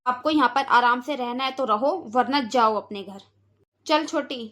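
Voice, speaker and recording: A woman's voice: a little high, normal speed, natural voice. A woman playing a scolding, stingy aunt. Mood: dismissive. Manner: lecturing, sharp-tongued. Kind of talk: cartoon voice acting.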